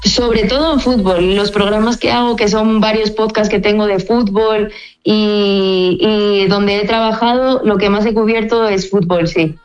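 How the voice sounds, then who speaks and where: A young Spanish woman from Asturias whose accent has picked up a Mexican mix, chatting as a football journalist guest on a radio show, relaxed and slowing down as she thinks. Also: medium pitch, faint music behind, low-quality recording. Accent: Spanish with a slight Mexican mix. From Asturias, Spain. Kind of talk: casual radio interview.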